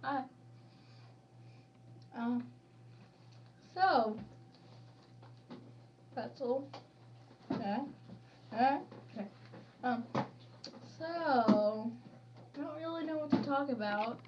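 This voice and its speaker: A woman's voice: high voice, very slow, pauses often. A young woman chatting casually in a silly, teasing way. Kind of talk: casual playful chat. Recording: muffled, noisy, distant mic, clicks.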